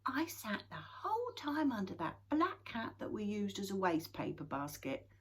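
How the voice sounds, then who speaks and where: A woman voicing a small, gentle young male troll who talks in an earnest, pleading way in a storybook reading. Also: medium pitch, huge pitch swings, moderate pace, husky, full character voice. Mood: curious, worried.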